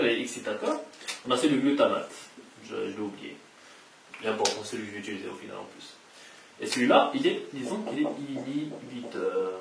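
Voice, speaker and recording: A man's voice: fairly low pitch, gravelly. A man giving a casual science lecture, explaining step by step and repeating the key terms. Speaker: science educator. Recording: roomy echo, distant mic, faint hiss.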